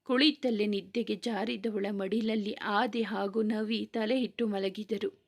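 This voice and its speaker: A woman's voice: medium pitch, steady tone, measured pace, vocal fry. Woman reading a romance story aloud.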